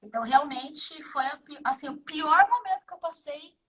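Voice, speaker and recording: A woman's voice: high-pitched, normal speed, a bit bright, poor audio. A Brazilian woman in her fifties with a Brazilian Portuguese accent, a guest in a casual interview, who tells stories vividly and acts out the dialogue. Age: 50s.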